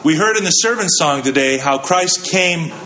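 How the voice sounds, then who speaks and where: A man's voice: on the high side, animated, normal speed, bright, forceful tone, slight background noise. A male pastor giving a sermon in a conversational way, asking the congregation questions and answering them. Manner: conversational preaching with rhetorical questions.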